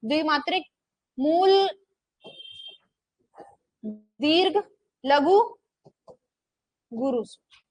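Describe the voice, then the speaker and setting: A young woman with a high, lively voice teaches a Hindi grammar class, drawing out her vowels to show their length and pausing often. She keeps posing questions to the class and answering them herself, repeating "ठीक है" along the way. The recording is dry, with no room sound.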